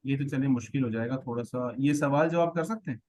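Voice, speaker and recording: A man's voice: mid-range voice, darkish tone, rough recording. A male teacher giving a patient classroom grammar lesson, stretching out example words and often checking that students follow.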